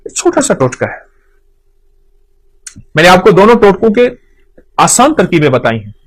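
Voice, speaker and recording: A man's voice: high-pitched, very animated, normal speed. A man gives an earnest, instructive talk on home remedies, repeating his key points for emphasis. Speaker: folk remedy speaker.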